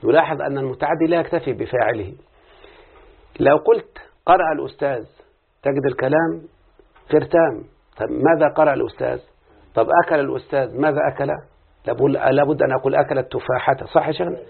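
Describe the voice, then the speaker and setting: Male Egyptian teacher, gravelly husky voice, quizzes students as he explains, phone-like sound. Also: mid-range voice, fast talker. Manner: questioning, drawing students in with repeated "what?" prompts. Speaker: teacher of Arabic morphology. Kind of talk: classical Arabic grammar lesson with opening prayers.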